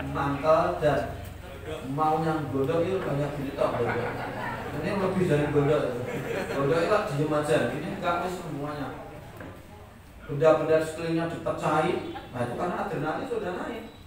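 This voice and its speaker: Middle-aged Javanese-accented preacher, joking and animated, fairly high voice, far from the mic in a roomy, echoing hall. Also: male voice. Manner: lively, joking, laughs often, acts out quotes. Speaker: preacher and lecturer. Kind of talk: humorous sermon. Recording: echoey hall, distant mic, faint noise.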